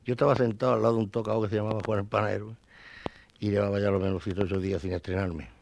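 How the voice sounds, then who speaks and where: A man telling a lively, colloquial anecdote, dropping syllables and throwing in exclamations. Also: lowish voice, very fast, vocal fry, a little hiss or hum. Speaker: storyteller.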